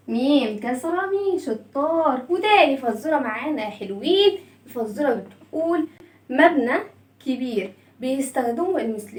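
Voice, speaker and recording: A woman's voice: high-pitched, roomy sound, recorded from a distance. A woman with an Egyptian Arabic accent teaching young children to read, drawing out letter sounds and praising them often. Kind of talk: lively lesson for young children.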